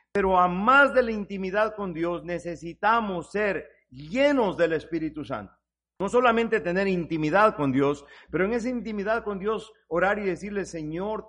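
A man's voice: high-pitched, fairly bright tone. A man preaching a sermon, earnestly addressing the listener as brother and rising to fervent emphasis on scripture. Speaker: pastor.

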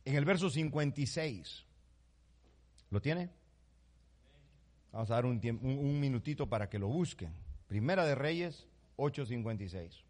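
A man's voice: medium pitch, animated, measured pace, long pauses. Impassioned preacher, man. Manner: impassioned preaching, sudden loud rises and hushed drops; addresses listeners as "mi hermano". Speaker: pastor. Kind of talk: sermon.

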